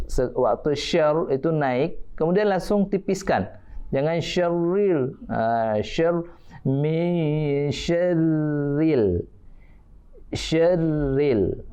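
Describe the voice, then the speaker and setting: A man's voice: medium pitch, darkish tone, highs cut off. A man teaching Quran recitation on a TV lesson, patiently modelling each verse and counting his students in.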